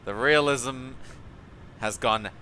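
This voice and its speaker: A man's voice: mid-range voice, slow, sharp tone. A man streaming a flight simulator, chatting and joking with exasperation about ground crews and air traffic. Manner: chatty, exasperated, laughs often at the ground crew. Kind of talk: live-stream commentary.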